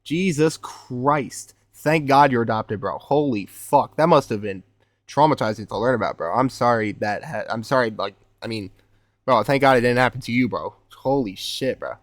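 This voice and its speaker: A young man reacting live on stream, casual and excitable, swearing and calling everyone bro. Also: mid-range voice, normal speed, dry recording.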